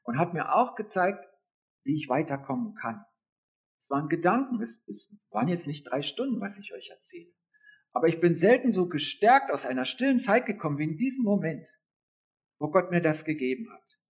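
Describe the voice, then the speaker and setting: A man preaching a sermon in a lively, intimate way, speaking straight to his listeners. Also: on the high side, moderate pace.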